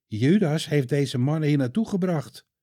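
In a children's storybook reading, a brave but bewildered Peter, put on by a man speaks in a raised, anxious voice, well above the narrator's own. The tone stays dark and mellow, slightly husky, in a dry and close room. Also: fairly high pitch, lively intonation, normal speed, no room sound, voice pushed up. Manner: anxious, disbelieving inner voice.

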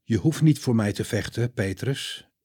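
A man voicing Jesus as a calm, gentle but firm adult man in a storybook reading. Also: fairly low pitch, husky. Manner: measured, gentle, sometimes stern.

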